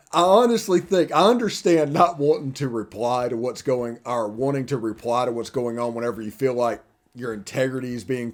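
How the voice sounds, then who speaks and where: Guy hosting a sports podcast, mid-pitched, jokey, rambles on in long run-on bits. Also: a little mellow. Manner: chatty, joking, loose run-on sentences. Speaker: podcast host. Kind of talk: casual sports podcast chat.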